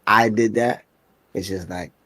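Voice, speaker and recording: A man's voice: fairly low pitch, fairly even intonation, measured pace, no room sound. A man from New City, chatting and joking on a live stream, close to the mic. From New York City. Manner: laid-back, joking, greets chat loudly. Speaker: streamer guest. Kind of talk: casual chat on a live stream.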